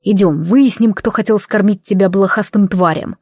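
A woman's voice: medium pitch, normal speed, a little mellow, dry recording, lightly acted. A woman voicing a fierce, possessive male berserker who growls his lines, read dry and close. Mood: growling. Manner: growling, barely restrained.

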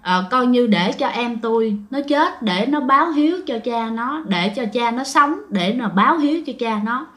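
A woman's voice: a little high, expressive, moderate pace, hardly any pauses, fairly bright tone. A woman voicing a sad brother who resignedly gives up his sister to save their father. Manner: resigned sorrowful.

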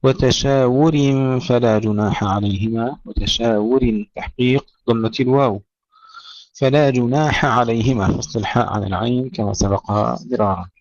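A man teaching Quran recitation rules, reciting verse phrases slowly, then explaining them briskly. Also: mid-range voice, a little mellow, no echo. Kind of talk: tajweed lesson. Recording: dull lo-fi, dry sound.

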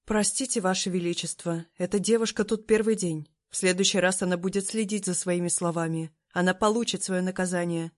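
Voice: mid-range voice, steady tone, a little fast, hardly any pauses, lightly acted. A narrator voicing a strict senior palace maid who speaks in a stern, formal voice in an audiobook.

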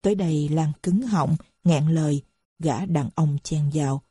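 A woman narrating a novel steadily, pausing now and then to read explanatory notes. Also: low voice, husky, dry recording, clean studio sound. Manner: steady reading with added footnotes. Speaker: audiobook narrator. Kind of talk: storytelling narration.

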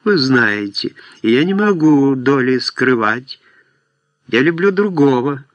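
A man's voice: medium pitch, unhurried, no echo, lo-fi sound, lightly acted. A man reading aloud voices a young woman who pleads in a trembling, sobbing voice. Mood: desperate.

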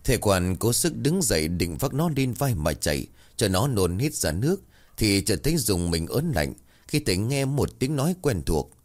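A man's voice: lowish voice, moderate pace. A man narrating a folk ghost tale, acting out the characters' lines. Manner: voices characters with lively shifts. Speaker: storyteller.

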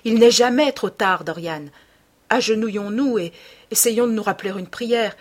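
A woman's voice: medium pitch, moderate pace, pitched above the performer's own voice, lightly acted. A woman reading an audiobook voices a distraught middle-aged male painter, speaking in an anguished, emphatic way.

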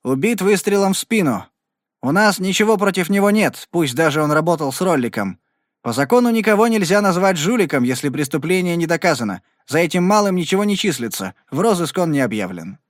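A stern, gruff sheriff with a gray mustache, as a male audiobook reader voices him, demanding and firm. His voice sits a bit high for a man, and the recording is dry and close. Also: very animated, a little fast, no echo. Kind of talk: audiobook reading.

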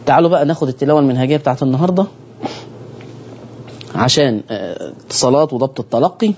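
A man's voice: medium pitch, animated, racing, a little mellow, dull audio, a little hiss or hum. A man with an Egyptian accent teaching Quran recitation on a broadcast lesson, speaking straight to his listeners and repeating key phrases.

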